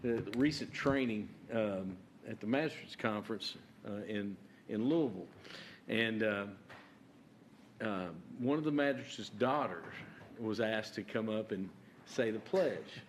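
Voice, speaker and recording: A man chairing a county court meeting as judge, halting with many fillers and restarts. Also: on the low side, a little hiss or hum.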